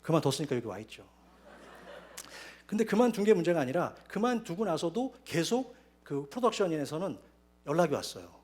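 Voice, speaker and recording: A man preaching a sermon as pastor, telling his own story with lively storytelling. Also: a little high, a little fast. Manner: animated storytelling, acting out quoted voices. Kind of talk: sermon with personal testimony. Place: church sanctuary.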